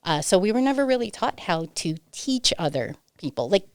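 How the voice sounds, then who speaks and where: A woman's voice: medium pitch, big pitch swings, moderate pace, clean tone, no room sound. A woman co-hosting a casual podcast chat, chatty and laughing often, with reflective asides. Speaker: co-host.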